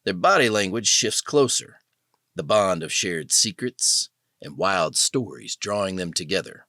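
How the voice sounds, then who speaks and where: A man narrating an audio drama with dramatic, expressive storytelling. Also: fairly low pitch, measured pace, gravelly, no room sound, studio quality. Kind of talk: scripted narration.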